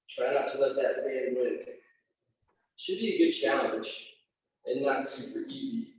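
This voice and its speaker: A man's voice: medium pitch, darkish tone. A man leading a live workout class, counting down reps and calling out encouraging cues. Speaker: fitness instructor. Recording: echoey room, distant mic, faint noise.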